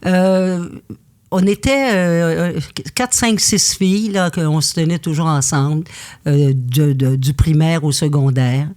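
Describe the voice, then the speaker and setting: Québécoise woman, guest in a sit-down chat, kinda low voice, talks intense and animated. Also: slow pace. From Quebec, Canada. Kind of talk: candid conversation.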